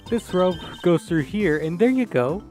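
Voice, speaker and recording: A man's voice: sits high, big pitch swings, moderate pace, dark tone, faint music behind, pitched above the performer's own voice. Man doing a cheeky girlish young woman's voice. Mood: teasing. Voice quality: girlish put-on voice. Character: cheeky young woman thief, playful, boastful. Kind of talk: dramatic reading of visual novel dialogue.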